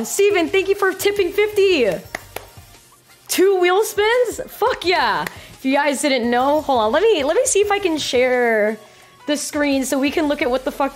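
A young woman hosting a casual livestream, chatting to viewers in a playful, excitable gamer-girl way with plenty of swearing and slang. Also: on the high side. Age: young adult. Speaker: live streamer, host. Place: small bedroom streaming setup. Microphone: close boom-arm microphone, headset on.

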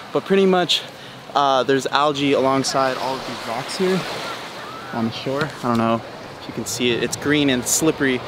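A man's voice: a little high, background noise. Chatty young man vlogging outdoors. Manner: laid-back, chatty, slangy. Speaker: travel vlogger. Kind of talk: casual travel vlog. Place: outdoors on a hiking trail and beach. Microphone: handheld action camera at arm's length.

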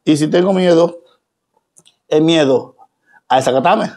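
A man's voice: a little high, a little slow, a little mellow. A man with a Dominican accent speaking straight to his followers, emphatic and preachy, full of rhetorical questions. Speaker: social media personality. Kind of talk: direct-to-camera monologue.

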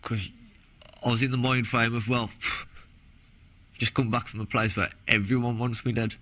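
A young British man who used to be a soldier gives testimony in a documentary interview, recalling his personal experiences in a halting, plain-spoken manner. His voice is mid-range, level and a little bright, with background music behind him.

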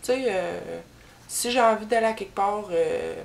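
This young YouTuber from Quebec speaks with a Québécois French accent and a mid-range voice touched by vocal fry. Unhurried and rambling, she fills pauses as she answers tag questions. A front camera frames her head and shoulders in a small room, a bookshelf behind her.

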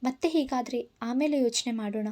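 A woman voicing a calm, forgiving young woman who speaks softly to soothe a friend, in a storybook reading. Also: on the high side, fairly quick, close to an everyday voice. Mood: placating. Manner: soft, placating.

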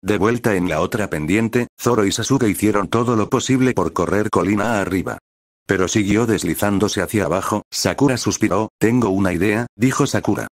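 A man reads a fan story aloud at a steady, flat pace, tripping over a word now and then. His voice sits low. The recording is dry, with no sound of the room. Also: brisk, dry recording. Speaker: reader of fan fiction.

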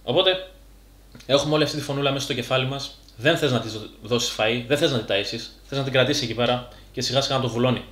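A man's voice: medium pitch, a bit bright, echoey room. A man giving a casual, blunt monologue to camera, talking like a coach and full of slang. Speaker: fitness YouTuber.

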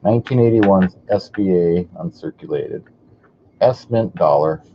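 A man's voice: low-pitched, a little slow. A man calling a live online coin auction, chatty and greeting bidders by name. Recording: dull audio with faint hiss.

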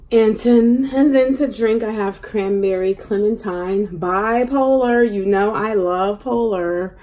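A woman's voice: mid-range voice, warm tone, rough recording. A woman chatting casually to camera at home as she eats for a mukbang video, rambling with lots of fillers. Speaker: mukbang vlogger. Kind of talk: casual chat to camera while eating.

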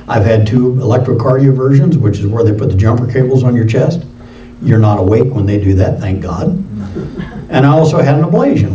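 A man preaching a sermon in a conversational way, moving between loud emphatic lines and quiet low asides. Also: slight background noise. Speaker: pastor. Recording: roomy hall sound from a distance, dull lo-fi.

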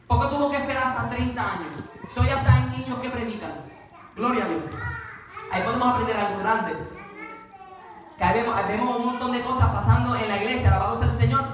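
A man's voice: very high voice, fairly even intonation, fast, noisy background. A man preaching a sermon at a youth vigil in a church, fervent, breaking off with repeated praise refrains between points. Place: church sanctuary. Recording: very echoey church from far off, congregation audible.

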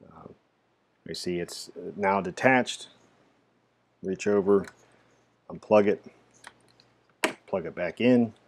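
A man narrating a casual screen-recorded software tutorial, explaining each step with frequent "uh" fillers. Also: deep voice, slow, long pauses, slight background noise. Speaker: tech tutorial presenter.

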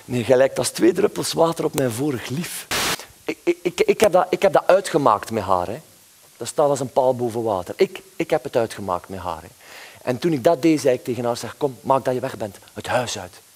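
A man's voice: medium pitch, expressive, fairly quick, darkish tone, a little hiss or hum. A man doing a rambling stand-up comedy monologue, repeating words as he goes. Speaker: cabaret performer.

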